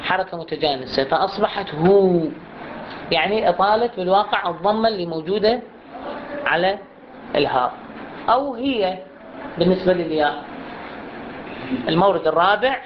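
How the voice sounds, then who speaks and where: A teacher giving a classroom lesson who asks the class questions and slowly stretches out example words to demonstrate them. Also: mid-range voice, lively intonation. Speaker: teacher of Quran recitation rules. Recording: dull lo-fi recording with clear background noise.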